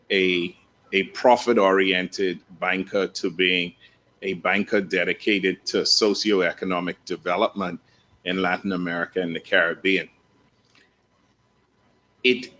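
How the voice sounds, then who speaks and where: A man from the Bahamas speaking on a conference panel in a measured way, with restarts and fillers. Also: low voice, fairly bright tone. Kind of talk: conference talk.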